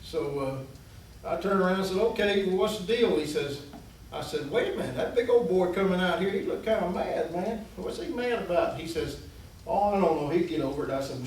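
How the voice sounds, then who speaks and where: A man's voice: sits high, darkish tone. Folksy man telling a yarn, very echoey. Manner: folksy, rambling, acts out quoted voices. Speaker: guest storyteller. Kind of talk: casual storytelling. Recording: very echoey room, distant mic, faint hiss.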